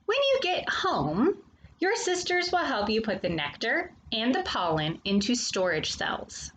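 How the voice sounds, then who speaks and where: Reading a nonfiction picture book aloud at a children's storytime, a woman with a very lively pitch pauses and asks her young listeners questions, adding brief asides. There's slight background noise.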